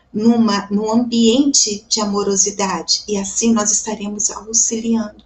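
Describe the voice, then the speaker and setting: A woman with a Brazilian Portuguese accent gives a devotional reflection at a Spiritist center. Her voice sits at a middle pitch, and she speaks calmly and thoughtfully. She addresses her audience directly and often asks them rhetorical questions. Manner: addresses listeners warmly as "gente". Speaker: Spiritist lecturer.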